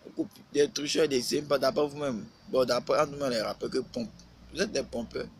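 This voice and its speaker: A man's voice: mid-range voice, fairly even intonation, fairly quick, gravelly, a little hiss or hum, low-quality recording. A man, a rapper talking casually on a live stream, lecturing and scolding with lots of repetition.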